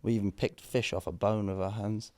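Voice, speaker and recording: A young man with a hoarse voice, co-hosting a podcast in a rambling, self-deprecating way. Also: on the low side, fairly even intonation, brisk, dark tone, no echo. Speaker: podcast co-host. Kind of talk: casual chat.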